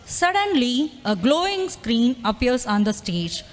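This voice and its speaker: A woman reading the scripted narration of a school annual day play in measured storytelling. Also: on the high side, very animated. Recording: echoey hall with long reverb.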